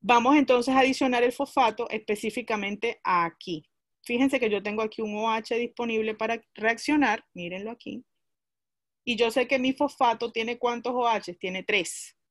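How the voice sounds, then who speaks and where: A woman's voice: a little high, normal speed, no echo. A woman teaching a class, explaining a chemistry lesson step by step and asking her students questions as she goes.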